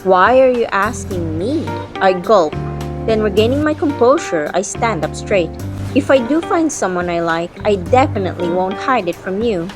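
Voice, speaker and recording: A woman's voice: mid-range voice, animated, moderate pace, lightly acted. A woman playing a guarded, feisty young woman, narrating an audio drama in the first person and voicing her dialogue. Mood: defiant. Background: background music.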